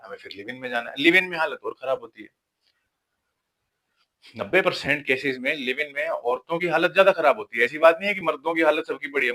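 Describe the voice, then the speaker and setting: A man's voice: on the high side, sharp tone. A man giving a lecture-style relationship advice talk, earnest and insistent, driving points home with rhetorical questions.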